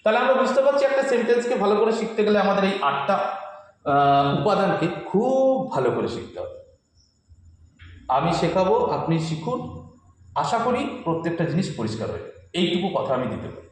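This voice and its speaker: A man teaching a classroom English grammar lesson, repeating each term and asking quick check-up questions while writing on a board. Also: high voice, very animated. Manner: repetitive, reassuring, quizzes listeners with quick questions. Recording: very echoey room.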